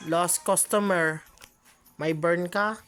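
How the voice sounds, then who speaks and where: A woman's voice: lowish voice, fairly even intonation, slow pace, a bit bright, soft background music. A woman giving chatty gameplay commentary, often exclaiming and laughing at her own mistakes. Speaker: gaming channel host.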